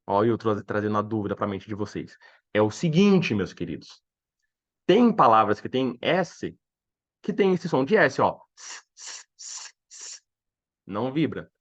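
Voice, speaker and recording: A man with a Brazilian Portuguese accent teaching English in a live online lesson, slowly repeating each word twice and chatting with viewers. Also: fairly low pitch, muffled recording. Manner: chatty, animated explaining to viewers.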